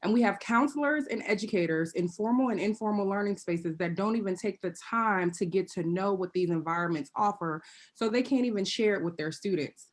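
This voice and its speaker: A woman's voice: mid-range voice, a little fast. Earnest woman panelist on a video call. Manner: earnest, pointed, with wry asides. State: occasionally choking and clearing throat. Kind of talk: prepared remarks on a video panel.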